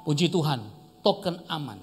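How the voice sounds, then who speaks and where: A man's voice: a little high, animated, normal speed, breathy edge, big-room sound, faint music behind. A man preaching at a church service, telling a story with humor and laughing as he goes. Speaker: pastor. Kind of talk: sermon. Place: church service in a rented shop-house hall.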